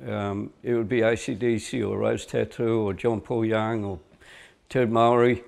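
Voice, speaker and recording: A man's voice: lowish voice, flat delivery, a little slow, creaky, a little mellow. An older man, a band member, telling wry stories in an interview. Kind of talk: reminiscing interview.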